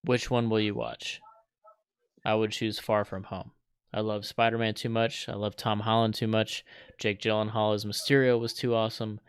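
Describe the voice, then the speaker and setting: Guy on a movie podcast, low smooth voice, dead dry sound, keeps repeating himself to drive it home. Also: flat delivery, moderate pace, dry recording. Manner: earnest, emphatic, repeats himself. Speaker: podcast co-host. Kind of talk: casual debate chat.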